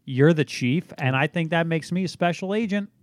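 A man's voice: a little high, normal speed, no room sound, clean studio sound. A man co-hosting a radio show with casual sidekick banter and short, joking interjections. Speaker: radio co-host.

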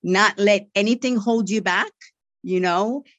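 A marketing and media relations director gives interview answers on a podcast, patiently explaining while she stutters, repeats words and often says "right?". Her medium-pitched voice is fairly bright and measured in pace, and the audio is dull with no room sound.

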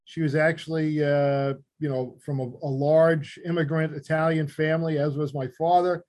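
Older male interview guest, Queens New York accent, slightly high voice, measured conversational delivery. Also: flat delivery, darkish tone. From Queens, New York City, USA. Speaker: interview guest, former newspaper reporter and author.

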